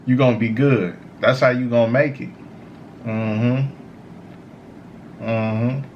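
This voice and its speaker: A man who sounds high, giving a casual, slangy, meandering stoner monologue of motivational advice as a show host. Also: fairly even intonation, takes it slowly, lo-fi sound, slight background noise. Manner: repeats "you know" tags, informal slangy phrasing. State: high on cannabis. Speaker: host of a smoke session series.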